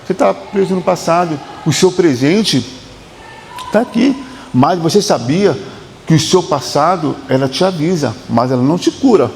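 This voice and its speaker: A man with a Brazilian Portuguese accent speaks as a psychotherapist, repeating his points in a preaching rhythm. His voice sits a little high and has a gravelly edge. The room adds a lingering reverb over faint background noise. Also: expressive, moderate pace, a little mellow. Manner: emphatic, repetitive preaching cadence with quoted dialogue. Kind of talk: motivational talk.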